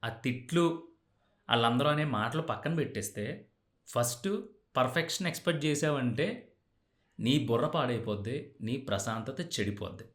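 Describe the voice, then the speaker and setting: Male podcast host, direct motivational talk, mid pitch, roomy sound. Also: animated, normal speed, long pauses, a bit bright. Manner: direct, addresses listener as you. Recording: roomy echo.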